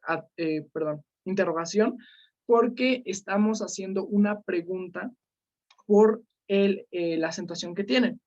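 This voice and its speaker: A woman teaching an online class, calling on students by name and filling pauses with "este" and "eh". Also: mid-range voice, mellow. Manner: questioning students by name, many fillers. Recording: slightly dull lo-fi sound.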